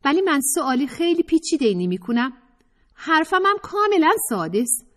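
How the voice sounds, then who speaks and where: A woman's voice: high-pitched, big pitch swings, pitched above the performer's own voice. A woman narrator voicing a sarcastic, evasive young woman who teases and dodges serious questions. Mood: dismissive. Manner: teasing, sarcastic, dodging questions. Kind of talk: audiobook character voice.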